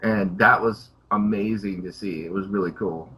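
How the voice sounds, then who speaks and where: A man's voice: low voice, steady tone, moderate pace, bright, forceful tone, husky, low-quality recording. A man co-hosting a podcast, chatting enthusiastically about a TV episode. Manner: enthusiastic, laughing. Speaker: podcast co-host. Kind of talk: casual chat.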